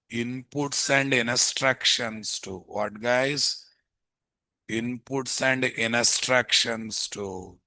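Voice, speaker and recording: The instructor, a man with a Telugu Indian accent, delivers a live programming lecture online by screen-share from indoors, reading out notes, echoing phrases, and posing tag questions to quiz his audience. His voice is mid-range, pushed and bright, with no echo.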